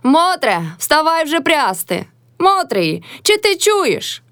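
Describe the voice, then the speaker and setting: A woman's voice: high voice, lively intonation, a little fast, a bit bright, no echo, clean studio sound, voice pushed up. A woman voicing a bossy, nagging older peasant mother-in-law who scolds her household. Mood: scolding. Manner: nagging, commanding.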